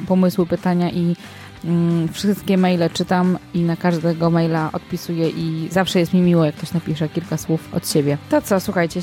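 A woman's voice: lowish voice, warm tone. A woman hosting an informal podcast, speaking hesitantly and repeating words for emphasis. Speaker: podcast host. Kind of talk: informal podcast interview and sign-off.

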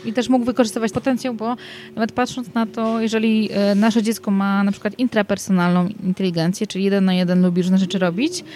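A woman at a middle pitch hosts an interview, thinking aloud as she speaks. She pauses and restarts often while working through her points. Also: steady tone, darkish tone. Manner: thoughtful, hesitant, many restarts. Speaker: host. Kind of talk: conversational interview.

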